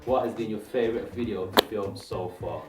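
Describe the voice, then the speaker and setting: A man's voice: on the low side, brisk, loud music behind the voice. A man asking short, plain questions from off camera. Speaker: off-camera interviewer.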